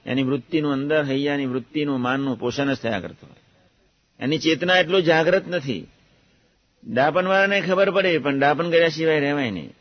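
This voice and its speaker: A man giving a measured, reflective devotional discourse about a guru's teachings. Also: fairly high pitch. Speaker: religious speaker recounting a guru's teachings. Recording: muffled lo-fi recording.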